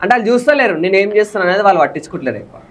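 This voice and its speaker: A young man, a content creator in a casual interview, talking fast and excitably. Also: high voice. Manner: fast, excitable, bursts into loud dramatic dialogue delivery. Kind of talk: casual interview with acted film dialogue.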